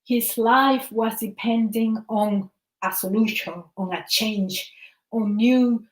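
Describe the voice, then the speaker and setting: A woman's voice: a little high, steady tone, slow pace, reverberant, rough recording. A woman from Venezuela, a wellness practitioner speaking earnestly about her views, often repeating words while searching for the right phrasing. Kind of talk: impassioned personal talk.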